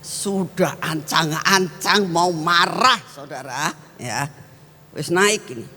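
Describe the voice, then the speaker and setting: A woman evangelist preaching a sermon, telling personal stories with an animated storyteller's manner. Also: lowish voice, slow, big-room sound, a little hiss or hum. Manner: animated storyteller, addresses the congregation as brothers and sisters.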